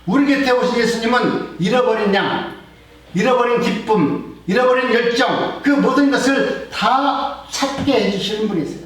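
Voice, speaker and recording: A middle-aged man preaching a sermon as pastor, earnest, swelling louder and then dropping to soft, quiet lines. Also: extremely high pitch, moderate pace. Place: church sanctuary. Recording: very echoey church hall, mic at a distance.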